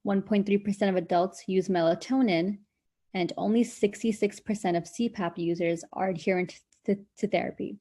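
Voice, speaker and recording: Here a nursing student in her 20s, from Brooklyn, New York, US, presents health statistics over a video call, hesitating slightly with small "um" fillers. She has a medium-pitched, dark-toned voice with fairly even intonation and a normal speed.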